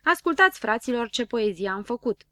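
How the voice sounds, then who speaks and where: A woman's voice: fairly high pitch, animated, sharp tone, no echo, studio quality. A woman voicing a naive, boastful little boy-like character from a storybook who makes up silly rhymes. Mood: eager.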